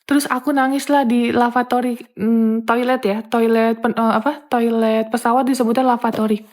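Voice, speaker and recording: A woman's voice: fairly high pitch, moderate pace. A woman telling viewers a story from her old job, acting out the lines people said. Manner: animated, acts out quoted dialogue. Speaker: content creator telling a work story.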